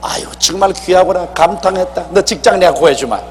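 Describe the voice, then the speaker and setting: A man's voice: high voice, a little fast, lightly acted. A man voicing God as a fond, fatherly male deity who speaks plainly and with approval, recorded in an echoey hall with a faint hum. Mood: delighted.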